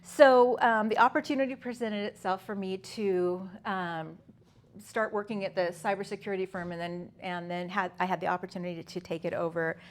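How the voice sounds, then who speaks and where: A woman's voice: medium pitch, steady tone, normal speed. A woman in her fifties speaking at a conference, telling her personal story conversationally with many fillers and restarts. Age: 50s. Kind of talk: personal story talk to an audience.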